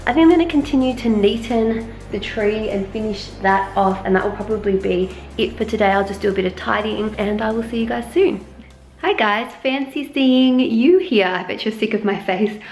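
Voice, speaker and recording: A young woman chatting casually to camera in her apartment, self-deprecating and relaxed. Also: medium pitch, brisk, faint music behind. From Australia. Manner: chatty, self-deprecating, talks with mouth full while tasting. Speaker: lifestyle vlogger. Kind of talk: casual vlog chat. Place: small apartment indoors.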